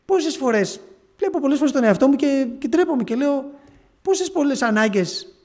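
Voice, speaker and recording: A man preaching, retelling a story in an earnest, halting way with frequent restarts. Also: extremely high pitch, lively intonation, a little mellow. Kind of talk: sermon testimony.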